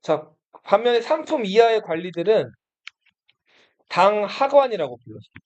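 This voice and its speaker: In his classroom history lecture, a man talks casually and bluntly, asking students questions only to answer them himself. His voice is high-pitched with big pitch swings, moderately paced and darkish, and the highs are cut off.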